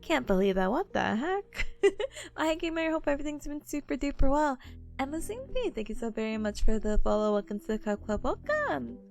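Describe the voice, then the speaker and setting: A woman's voice: high-pitched, sing-song, gravelly. A young woman chatting casually as a livestream host in a cute, bubbly, playful anime-streamer manner. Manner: playful, giggly, drawn-out exclamations. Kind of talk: casual livestream chat greeting viewers. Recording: music playing behind the voice. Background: music.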